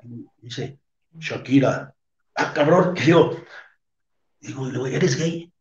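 A man's voice: mid-range voice, slow pace. A man with a Mexican accent, a wrestler guest in an interview, tells a rambling, crude, slang-heavy story and acts out the voices of the people in it. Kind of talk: casual storytelling. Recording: roomy, muffled lo-fi sound.

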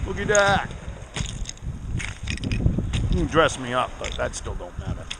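A man, talking to an action camera on a tripod as he cooks on a rocky shore. His voice is gravelly and his pace unhurried. Loud outdoor noise sits under the whole recording. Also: medium pitch. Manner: slow, relaxed, talking to the camera while cooking. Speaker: outdoor vlogger. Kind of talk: casual outdoor cooking vlog.

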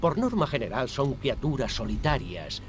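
An actor playing a learned chronicler in a video game, narrating creature lore formally and didactically. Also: male voice, mid-range voice, big pitch swings, normal speed, noisy background, lightly acted. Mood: scholarly. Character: learned male lore chronicler, measured and scholarly.

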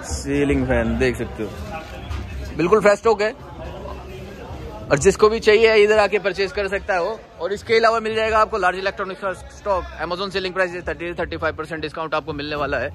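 A man in his thirties from India talks straight to his phone camera while he tours a busy warehouse yard. His voice sits a little high for a man, and his delivery is a quick, friendly sales pitch that keeps calling out to the viewers. It has the loose, on-the-move sound of a handheld selfie video. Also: fairly bright tone, a faint crowd. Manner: brisk salesman pitch, addresses viewers as guys. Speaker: wholesale electronics seller, vlog host. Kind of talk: casual walk-through sales vlog. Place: large warehouse and loading yard, partly outdoors.

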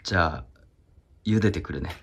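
Timid deep-voiced salaryman, a man acting. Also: normal speed, gravelly, a bit bright, slightly rough, exaggerated voice. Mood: meek. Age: 30s. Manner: hesitant, timid, awkward. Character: meek awkward salaryman in his thirties. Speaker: comedy sketch actor. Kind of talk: comedy sketch dialogue.

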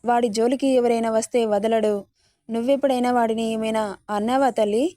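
Woman doing a stern old grandmother, storybook reading, slightly high voice, flat even melody, dry close sound. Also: brisk, no echo, natural voice. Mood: soothing. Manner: commanding, then soothing. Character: stern but tender wealthy old grandmother.

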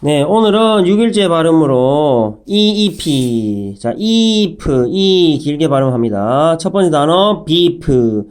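Man, English phonics teacher, animated sing-song delivery, letter-by-letter spelling, clear lesson style. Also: fairly high pitch, slow pace, few pauses. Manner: spells words letter by letter, with a pun now and then. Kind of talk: slow, clear vocabulary lesson.

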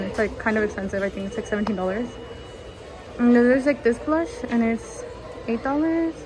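Young woman vlogger, somewhat high voice, chatty and giggly, handheld camera on the move, music under her. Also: low-quality recording. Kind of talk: casual vlog chat to camera. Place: home kitchen, then streets, subway station and shops. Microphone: handheld camera at arm's length.

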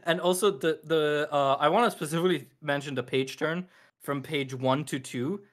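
A man's voice: a little high, steady tone, moderate pace. A man co-hosting a podcast, chatting casually, laughing often and drifting into tangents. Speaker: podcast co-host. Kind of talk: casual chat.

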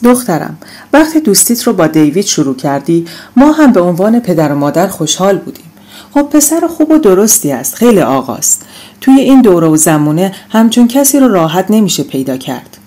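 A woman reading aloud plays a middle-aged father who reasons calmly and soothingly with his daughter. The voice stays in the reader's own dark, mellow register, only slightly lifted. It is an audiobook read by one performer. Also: lowish voice. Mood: reasoning.

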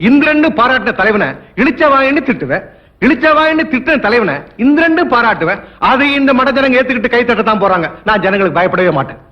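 Casting: arrogant crooked politician, film melodrama, quick-fire haughty delivery, muffled lo-fi soundtrack. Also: male voice, very high-pitched, lively intonation. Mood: cynical contempt. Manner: haughty, scornful, long rhetorical lists. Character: corrupt, arrogant government minister, cynical male politician. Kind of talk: dramatic Tamil film dialogue.

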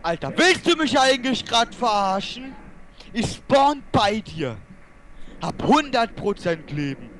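A man raging and swearing at opponents while playing an online shooter, yelling in outbursts and muttering low in between. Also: big pitch swings, measured pace, a little hiss or hum. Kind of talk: raging gameplay commentary.

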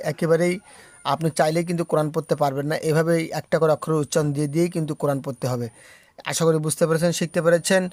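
A Bangladeshi man teaches Quran reading, spelling Arabic letters syllable by syllable and stretching the long vowels in a slow lesson. His voice is on the high side with a darkish tone, and there's no room sound.

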